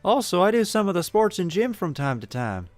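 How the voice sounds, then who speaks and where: A man's voice: high voice, big pitch swings, fairly quick, no echo, faint music behind, pitched above the performer's own voice. A man voicing a friendly young sporty beach girl with a Southern accent, in a raised put-on voice. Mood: cheerful. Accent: American Southern.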